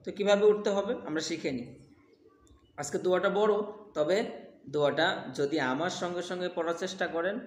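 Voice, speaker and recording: A man teaching the pronunciation of a prayer in a slow lesson, repeating syllables one by one and stretching the sounds. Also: high voice. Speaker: religious teacher. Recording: echoey room with faint ambient noise.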